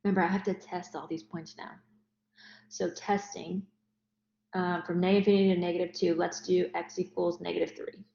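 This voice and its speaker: A woman's voice: lowish voice, little pitch movement, fairly quick, creaky, warm tone, a little hiss or hum. A woman teaching math in a recorded lecture, explaining each step. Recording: roomy, dull lo-fi recording.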